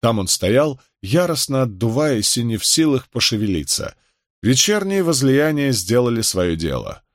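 A man reading a novel aloud as an audiobook narrator, in an expressive, dramatic manner. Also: medium pitch, moderate pace, no room sound, clean studio sound. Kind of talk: scripted literary narration.

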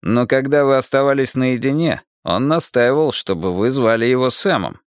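A man narrates a detective story with a lively, swinging intonation and measured pauses. The voice is recorded dry and close, with no room sound. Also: medium pitch, no echo. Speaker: audiobook narrator. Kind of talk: first-person detective story reading.

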